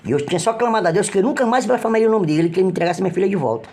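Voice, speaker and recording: A middle-aged man with a Brazilian Portuguese accent giving an emotional personal religious testimony, halting and earnest, with frequent restarts. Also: high-pitched, animated, darkish tone, husky. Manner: halting, with repeated restarts and trailing phrases; earnest, pleading when retelling cries for help.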